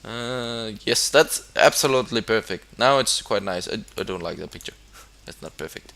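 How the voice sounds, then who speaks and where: A young gamer from Denmark talks casually about a building game in a fairly low, slightly bright voice with vocal fry, lively intonation, and a moderate pace. His Danish accent shows, and because English isn't his first language he hesitates, uses many fillers, and restarts.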